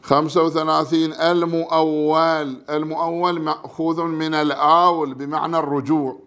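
Male religious studies teacher with a gravelly voice, reading and explaining a textbook point by point. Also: a little high, level tone, fairly bright tone. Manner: measured, reads numbered terms then explains them.

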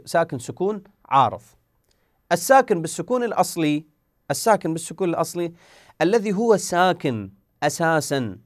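A man's voice: on the high side, no echo, clean studio sound. A man teaching a Quran recitation lesson. He asks questions and answers them himself, and sounds out letters to demonstrate.

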